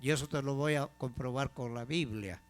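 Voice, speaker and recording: A man preaching a sermon as pastor, asking the congregation questions and slowing down to stress key phrases. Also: medium pitch. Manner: call-and-response questions to the congregation.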